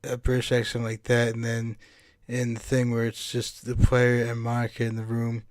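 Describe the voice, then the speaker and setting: A man's voice: mid-range voice, completely flat delivery, normal speed, no echo. A young American man reading a visual novel aloud with jokey, rambling asides. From United States. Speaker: let's player.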